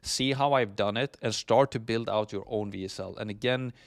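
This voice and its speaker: A Swedish course instructor with a Swedish accent delivers a recorded marketing lesson in an easygoing way. His voice is fairly low at normal speed, and he leans heavily on fillers like "essentially" and "right?".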